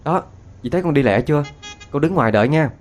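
A man's voice: on the high side, animated, fast, faint music behind, pitched above the performer's own voice, close to an everyday voice. A man with a Southern Vietnamese accent voicing a teenage girl, possessed and turned brash, in a spoken ghost story. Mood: cocky.

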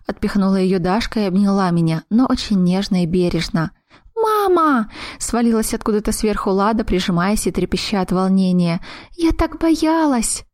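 A woman narrating a first-person fantasy audiobook, voicing each character's lines slowly and deliberately. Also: mid-range voice, steady tone, a little mellow, dry recording, studio quality.

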